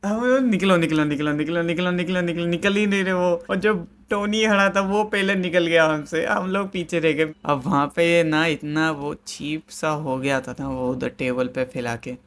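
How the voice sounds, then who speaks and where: Young guy vlogging a funny story, kinda high voice, laughs a lot, super casual. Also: unhurried, hardly any pauses. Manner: animated storytelling, laughing through it. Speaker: YouTuber.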